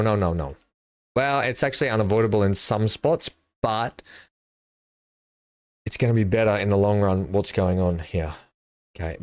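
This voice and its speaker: A man's voice: fairly low pitch, no room sound, studio quality. A middle-aged man, chatting and thinking aloud while he streams a building game live. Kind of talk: live gameplay commentary.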